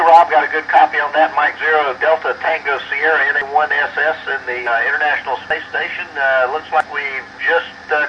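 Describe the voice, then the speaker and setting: A man working ham radio contacts from orbit, reading call signs in phonetic letters and pausing often with uh. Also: fairly high pitch. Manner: halting, many uh fillers, call-sign phonetics. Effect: ham radio transmission. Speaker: astronaut ham radio operator. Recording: lo-fi distant radio with faint hiss.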